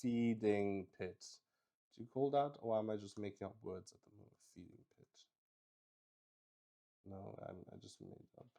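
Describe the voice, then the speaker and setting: A man makes up a solo roleplaying session as he goes, narrating casually with stops, repetitions and mild, excited swearing. His voice sits lowish and carries vocal fry.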